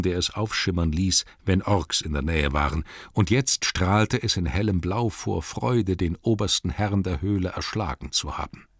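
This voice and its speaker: A man narrating a storybook in a measured, dramatic reading, slowing down for emphasis. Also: deep voice, husky, no room sound, studio quality. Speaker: audiobook narrator.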